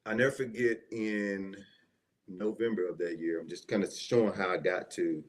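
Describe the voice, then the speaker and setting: A Southern-accented assistant pastor from Mississippi, United States, talks at normal speed in a low-pitched, steady voice. As an interview guest recounting his personal testimony, he stays folksy and conversational and checks in frequently.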